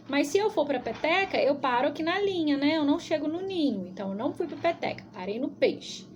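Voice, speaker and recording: A woman preschool teacher with a Brazilian Portuguese accent, giving a recorded video lesson for young children and sounding out syllables slowly and patiently in a sing-song way. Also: high-pitched, a little hiss or hum.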